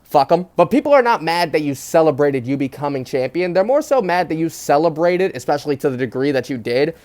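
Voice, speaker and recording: A man's voice: on the high side, sing-song, a little fast, darkish tone. A man speaking into wired phone headphones as a mic, giving casual, opinionated fight commentary in a slangy, blunt way with some swearing. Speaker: sports commentary vlogger. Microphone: wired phone headphones used as microphone.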